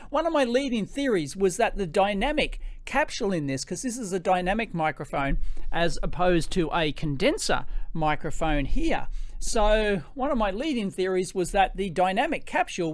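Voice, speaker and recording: An Australian man with a high-pitched voice and rising sentence endings, giving an excitable, casual off-the-cuff gear demo into a close microphone. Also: no echo. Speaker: tech reviewer hosting a gear demo. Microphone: close podcast microphone.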